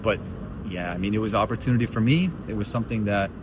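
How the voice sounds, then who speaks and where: A man's voice: lowish voice, fast. A young man from Belgium, a professional footballer, answering post-match interview questions thoughtfully with many restarts. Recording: noisy outdoor stadium interview.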